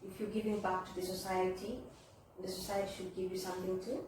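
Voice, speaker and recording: A woman's voice: medium pitch, flat delivery, quick pace. Woman interviewer in a very echoey room. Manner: addresses viewers directly, encouraging. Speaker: interviewer, host. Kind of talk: casual chatty interview. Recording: echoey room, distant mic, faint noise.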